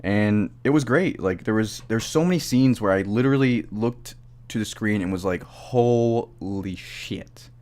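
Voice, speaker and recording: Drunk young man, rambling, on the low side. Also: expressive, a little mellow. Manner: rambling, halting, swears freely, losing his train of thought. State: drunk, tipsy. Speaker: amateur film reviewer. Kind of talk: casual rambling movie review.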